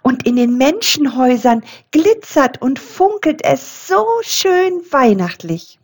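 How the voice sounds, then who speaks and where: A woman's voice: high-pitched, sing-song, slow, pitched above the performer's own voice, exaggerated voice. A woman doing a dreamy wild goose.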